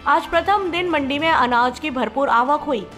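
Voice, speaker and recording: A woman's voice: high-pitched, moderate pace, a bit bright, soft background music. A woman reporter reading scripted news narration.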